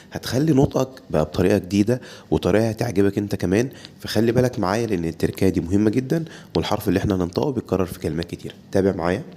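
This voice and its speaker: Low-voiced Egyptian man teaching. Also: warm tone. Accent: Egyptian Arabic. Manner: repeats sounds in drills, corrects the listener directly. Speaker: English teacher. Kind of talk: short pronunciation lesson.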